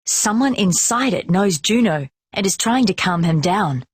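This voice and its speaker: A woman reading a children's storybook aloud in a slow, expressive, clearly paced delivery. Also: mid-range voice, no echo, clean studio sound. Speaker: storybook reader.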